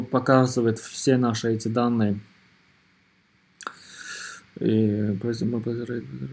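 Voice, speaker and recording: A man narrating an informal screen tutorial as its presenter, in a hesitant, halting way, often repeating himself. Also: medium pitch, vocal fry, mellow, breathy edge. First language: not Russian or rusty Russian speaker living abroad.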